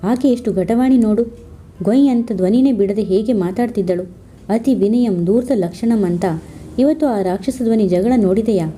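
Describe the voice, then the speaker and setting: A woman's voice: medium pitch, moderate pace, warm tone, natural voice. A woman voicing an angry, outspoken sister-in-law who scolds and rants in a storybook reading. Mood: scolding. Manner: scolding, ranting.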